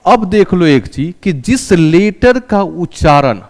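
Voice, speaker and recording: A male teacher with a high-sitting, expressive voice takes his time in a large hall. His English lesson has him asking questions he answers himself and leading students in repetition, and he calls them "raja".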